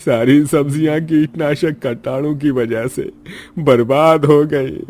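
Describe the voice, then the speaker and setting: A man voicing a despairing farmer in a cartoon story, in a lamenting, drawn-out way of speaking. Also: on the high side, steady tone, a little mellow, voice pushed up.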